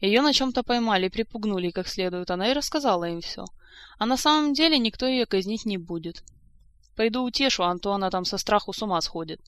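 A woman's voice: mid-range voice, animated, fast, no echo, lightly acted. A woman reading as a sensible, kind young lady of the court, earnest and direct. The recording is dry and close.

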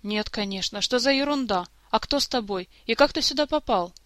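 A man's voice: extremely high pitch, lively intonation, fairly quick, a bit bright, dry recording, studio quality. Woman voicing a sobbing sulky prince. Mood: tearful. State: crying, sobbing. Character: tearful, sulky young male prince.

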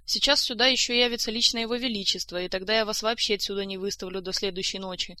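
A woman's voice: mid-range voice, fairly even intonation, fast talker, sharp tone, natural voice. A woman doing a weary, grumbling court doctor. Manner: grumbling, exasperated. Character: weary, sharp-tongued female court doctor.

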